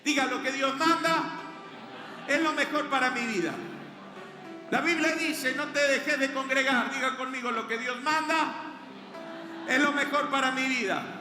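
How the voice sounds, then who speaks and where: A man's voice: very high-pitched, steady tone, unhurried, long pauses. A man with a Rioplatense Spanish accent preaching a sermon as pastor, leading the congregation in call-and-response and building in intensity. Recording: echoey hall with music behind.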